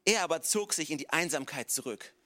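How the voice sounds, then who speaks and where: Male pastor, high bright voice, casual lively sermon delivery peppered with English asides. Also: a little fast. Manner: casual, animated storytelling sprinkled with English "come on".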